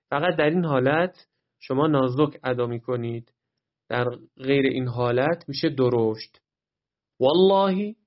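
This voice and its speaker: A man teaching Quran recitation rules step by step, patiently explaining each sound and modelling the slow, drawn-out readings. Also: medium pitch, dull audio. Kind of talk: tajweed lesson.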